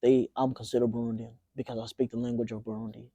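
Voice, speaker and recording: A young man from Tanzania talks as an interview guest, easygoing and halting, often restarting his sentences. His voice is dark and mellow at an average pitch. The sound is dry and close. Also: no echo. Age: 20s. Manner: relaxed, halting, with many fillers and restarts. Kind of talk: casual interview.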